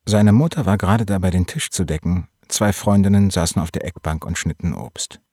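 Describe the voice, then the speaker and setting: A man narrating a novel in an audiobook reading, with steady, measured storytelling and a husky voice. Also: low-pitched, no room sound, studio quality.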